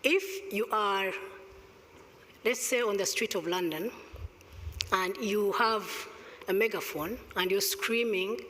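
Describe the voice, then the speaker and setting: A middle-aged conference panelist with a Rwandan accent makes emphatic, deliberate remarks and pointed rhetorical questions into a gooseneck table microphone. Her voice is medium-pitched with a fairly bright tone, and the reverberant sound of the large indoor hall where she sits on stage comes with slight background noise.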